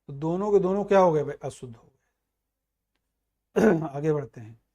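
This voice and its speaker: A male teacher running an exam prep grammar lesson, explaining each answer with everyday examples and dropping low and quiet on the answers. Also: lively intonation, normal speed, lo-fi sound. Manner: explains with everyday examples, calls students "bhai".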